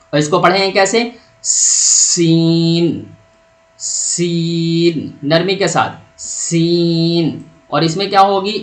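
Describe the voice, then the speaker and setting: A man with a fairly high voice gives a patient, step-by-step pronunciation lesson. He poses questions and answers them himself, and he draws out each letter sound slowly so learners can copy it. The recording is roomy and echoey. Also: pushed and bright. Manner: stretches out letter sounds to demonstrate. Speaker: Quran reading teacher.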